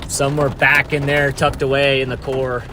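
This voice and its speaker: A man's voice: mid-range voice, flat delivery, moderate pace. A man giving casual, urgent live storm-chasing commentary, watchful and repeating himself as he speaks to his viewers. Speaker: storm chaser livestreamer. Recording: clear vehicle and ambient noise. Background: vehicle and outdoor ambient noise.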